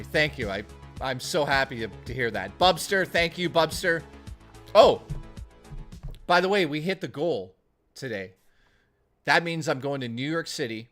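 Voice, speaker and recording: A man on a stream, hoarse and losing his voice, rambles through a casual sign-off and thanks viewers by name. His voice sits on the high side, with a bright, forceful tone.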